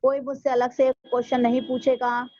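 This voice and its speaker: A woman's voice: sits high, level tone, mellow, no echo. Patient woman teaching maths. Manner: patient, explains step by step, slows down to repeat. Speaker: school teacher. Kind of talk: recorded online maths lesson. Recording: dry, dull lo-fi home recording.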